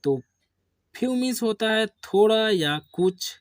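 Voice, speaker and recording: A man teaching an English spelling lesson to children, asking questions and answering them himself in a lower voice. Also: lively intonation, slow pace, dry recording, studio quality. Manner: addresses viewers as children. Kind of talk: slow classroom-style spelling lesson.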